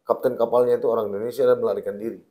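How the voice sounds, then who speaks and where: A man's voice: mid-range voice, flat delivery, very fast, mellow. A man interviewing a guest in conversation, probing with questions and thinking aloud with fillers.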